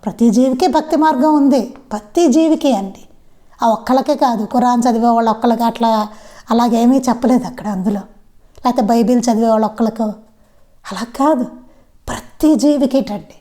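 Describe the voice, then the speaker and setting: A woman's voice: fairly high pitch, fairly even intonation, fast talker, mellow. A woman giving a devotional satsang talk. She asks rhetorical questions and repeats the key lines again and again. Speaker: satsang speaker.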